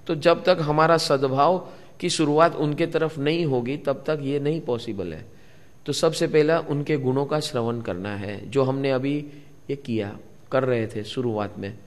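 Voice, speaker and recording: A man's voice: mid-range voice, unhurried. A man giving a spiritual discourse to a live gathering, repeating key words and putting questions to his listeners. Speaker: spiritual teacher. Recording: long hall reverb.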